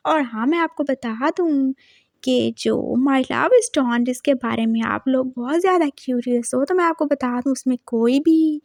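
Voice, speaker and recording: High-voiced chatty woman storyteller. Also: unhurried, a little mellow, no echo, studio quality. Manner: chatty, addresses viewers directly. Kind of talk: casual story narration.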